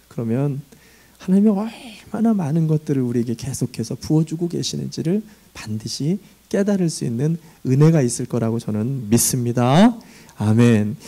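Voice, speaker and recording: A man's voice: on the high side, dark tone. A man preaching as senior pastor, emphatic and telling vivid everyday stories. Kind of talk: sermon.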